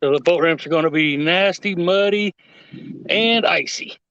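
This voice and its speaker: Older male fishing host, relaxed and chuckling, slightly high voice, muffled stream audio. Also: moderate pace, a little hiss or hum. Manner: laid-back, laughs often. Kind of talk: casual livestream chat. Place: outdoors by a river, on a boat.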